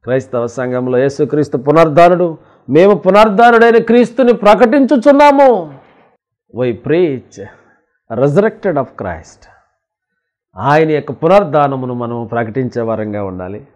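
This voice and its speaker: A man who is a pastor, preaching a sermon with emphatic swings from loud, high scripture quotes to low asides, calling his listeners children of God. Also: animated, unhurried. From India.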